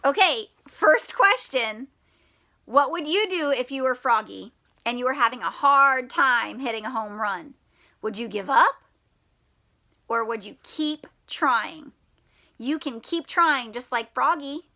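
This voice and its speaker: Reading a story to a group of children, this high-pitched woman teacher takes her time. She keeps things lively and supportive, frequently asking the listeners questions.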